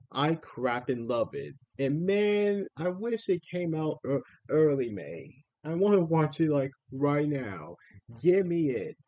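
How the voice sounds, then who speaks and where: A man's voice: on the high side, mellow. A man streamer giving casual live reaction commentary on trailers, repeating himself and exclaiming in mild slang.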